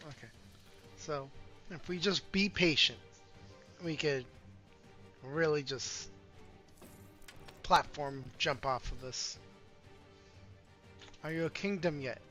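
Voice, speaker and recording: A man's voice: a little high, takes it slowly, long pauses, sharp tone. A man streaming a strategy game, chatting casually and playfully teasing his girlfriend between moves. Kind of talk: casual livestream chat while gaming. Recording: slightly dull sound with faint music behind.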